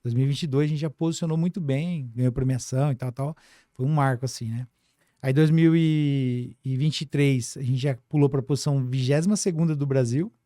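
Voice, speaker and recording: A Brazilian man, a business director in financial services, appears as a guest on a casual podcast, talking briskly in a mid-range, dark-toned voice. His speech is colloquial and sprinkled with little tag questions. The recording is clean studio sound with no room echo.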